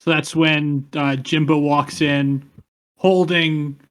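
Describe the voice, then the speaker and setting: A man's voice: fairly high pitch, little pitch movement, slow. A man as a player in a tabletop game, chatting casually and filling his sentences with "like". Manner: chatty, filler-heavy with "like". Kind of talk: casual tabletop role-play.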